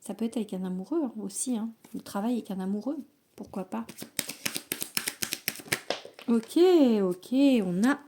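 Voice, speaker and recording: Woman medium, high mellow voice, chatty tarot reading with lots of fillers. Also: slight background noise. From France. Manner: chatty, reassuring, many fillers and restarts. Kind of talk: casual spoken card reading to camera.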